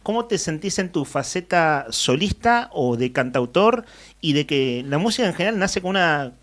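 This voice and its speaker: Argentine radio host asking rambling questions. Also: male voice, fairly high pitch, sing-song, normal speed, a bit bright. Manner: long rambling questions with fillers. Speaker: radio interviewer. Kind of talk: interview questions. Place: radio studio.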